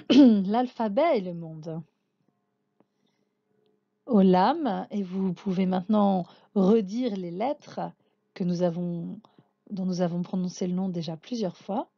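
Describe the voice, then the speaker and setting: Woman teacher, unhurried, patient, letter-by-letter lesson, dry slightly muffled recording. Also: medium pitch, creaky, no room sound. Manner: patient, spells out letters one by one. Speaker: Hebrew teacher. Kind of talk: slow spoken lesson.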